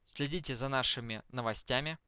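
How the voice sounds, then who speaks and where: A man dictating text slowly to speech recognition, speaking each punctuation mark aloud, word by word. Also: medium pitch, sharp tone, clean tone, dry recording. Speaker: dictation demonstrator.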